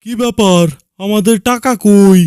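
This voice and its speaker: A man's voice: sits high, fast, clean tone, no echo, studio quality, close to an everyday voice. A man voicing a pushy, menacing moneylender in a cartoon. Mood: demanding. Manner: demanding, threatening.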